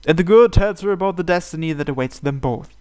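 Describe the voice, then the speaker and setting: This gaming channel host's voice is fairly high yet darkish, clear and resonant, moving fast with lively intonation as he dramatically reads visual novel narration. The game's music plays behind him.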